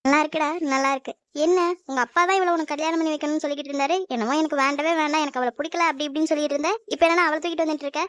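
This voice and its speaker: A woman's voice: high-pitched, fairly even intonation, rapid-fire, hardly any pauses, fairly bright tone, no echo. A woman voicing a fussy, suspicious middle-aged aunt in a cartoon, nagging and questioning. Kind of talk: animated cartoon dub.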